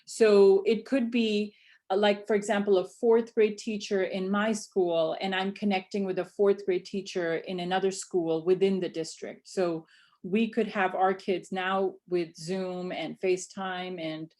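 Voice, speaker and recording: A woman's voice: mid-range voice, level tone, measured pace, dark tone. A woman from Pakistan, an instructional coach, gives a conversational presentation to fellow educators, with frequent fillers and restarts.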